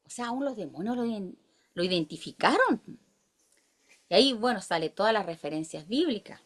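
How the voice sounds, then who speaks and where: A Chilean woman with a mid-range, lively and swooping voice leads a church Bible study at a brisk pace. She reads verses aloud and keeps putting questions to her listeners.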